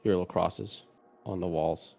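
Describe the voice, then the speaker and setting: A man narrating a tabletop horror game as game master, in a halting, casual way. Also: low-pitched, steady tone, creaky, a little mellow, soft background music.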